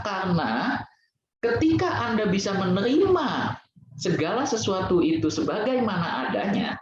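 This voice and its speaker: A man giving a casual Buddhist Sunday sermon in a temple hall, chatty and conversational, often laughing at his own jokes. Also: extremely high pitch. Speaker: Buddhist Dhamma speaker. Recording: very echoey, dull lo-fi hall recording.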